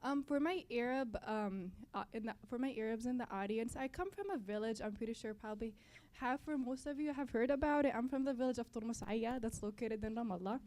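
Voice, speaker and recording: A young woman from Palestine, a native Arabic speaker, gives a welcome speech to an audience on behalf of a student club at a college library event. Her voice is on the high side, mellow and a little fast, and she often repeats and corrects her phrases.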